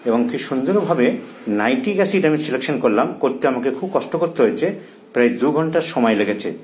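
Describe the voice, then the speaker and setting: A man's voice: mid-range voice, expressive, fairly quick, a little mellow. A man who is a doctor, teaching case taking in his clinic and thinking aloud as he repeats key terms. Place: clinic consulting room.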